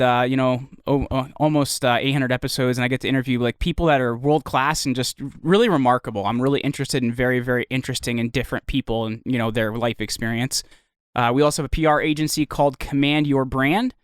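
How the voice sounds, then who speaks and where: A man's voice: mid-range voice, fairly even intonation, a little fast, smooth, dry recording, studio quality. A man with a New Jersey accent, a guest chatting casually on a video call interview, laughing easily. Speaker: podcast guest.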